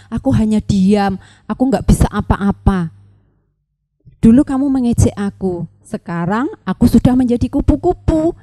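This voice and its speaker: A woman's voice: on the high side, warm tone, big-room sound. A woman voicing a kind butterfly that was once a cocoon, in a children's story.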